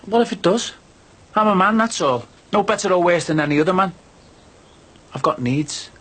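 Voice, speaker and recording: A man's voice: sits high, animated, normal speed, fairly bright tone. A man playing a defensive married builder in a naturalistic soap drama, pleading his case with indignant self-justification. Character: defensive married builder, son, confessing an affair.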